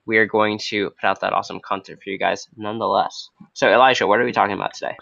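Croaky young man with a cold, hosting a podcast. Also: on the low side, steady tone, fast, pushed and bright, no room sound. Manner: hesitant, loosely unscripted. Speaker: podcast host. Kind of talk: casual, spontaneous podcast talk. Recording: dull, lo-fi close recording.

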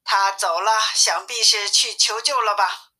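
Woman voicing a gentle timid monk, trembling, pleading, storybook reading. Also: medium pitch, measured pace, low-quality recording. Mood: sorrowful.

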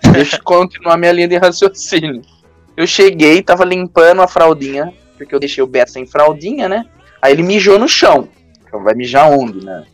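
A young man with a Brazilian accent chats on a podcast, spinning comic stories in loose slang and breaking into laughs. His voice sits high for a man and sounds close and dry. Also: animated, brisk, no room sound, soft background music. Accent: Brazilian Portuguese. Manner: joking storyteller, laughs often, heavy slang. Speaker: podcast host. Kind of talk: casual podcast chat.

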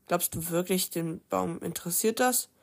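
A woman's voice: on the low side, moderate pace, gravelly. A woman reading a novel aloud, voicing the cheeky teenage boy narrator who is a puma shifter, with an indignant lift in her voice. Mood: teasing.

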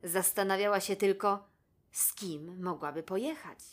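A woman reading a children's story aloud in a gentle, measured way. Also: mid-range voice. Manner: gentle, measured, addresses the listener.

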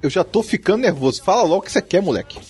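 An exasperated, bossy husband scolds in a low, husky voice, played by a woman. The fast delivery jumps around lively in a comedy sketch. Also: soft background music. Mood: impatient father.

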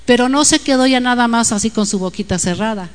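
A woman's voice: fairly high pitch, a little fast, clean tone, long reverb tail. A woman with a Mexican accent giving an informal, confiding devotional talk to women, often checking in with "¿no?". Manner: chatty, confiding, frequent tag questions. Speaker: women's Bible teacher.

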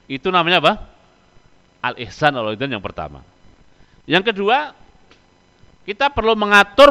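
A man preaching a sermon, quizzing his listeners with rhetorical questions and answering them himself. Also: a little high. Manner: animated, rhetorical questions to the audience. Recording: long hall reverb.

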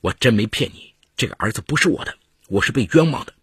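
A man voicing a wronged young husband who insists and protests indignantly, in a husky voice. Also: mid-range voice, expressive, fast talker, a bit bright, dry recording, studio quality, full character voice. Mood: pleading.

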